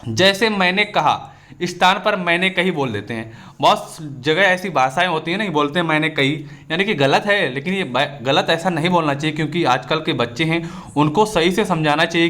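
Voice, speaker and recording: Bright-voiced male exam tutor. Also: a little high, a little fast. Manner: explains each point with everyday examples, steady teaching patter. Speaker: exam-prep teacher. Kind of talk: recorded exam-prep lesson.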